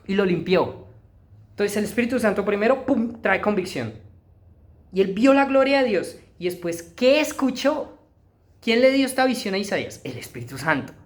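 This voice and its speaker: Animated preacher with dramatic swings. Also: moderate pace. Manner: animated, swings between loud emphasis and hushed low tones. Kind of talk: sermon.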